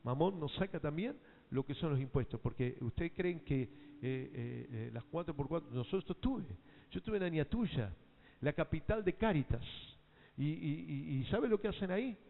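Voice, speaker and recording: Argentine pastor preaching in an echoing hall. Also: male voice, a little high, expressive, moderate pace, vocal fry. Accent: Argentine Spanish. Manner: emphatic call-and-response preaching. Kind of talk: sermon. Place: church hall. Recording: tinny phone-like sound in a reverberant hall.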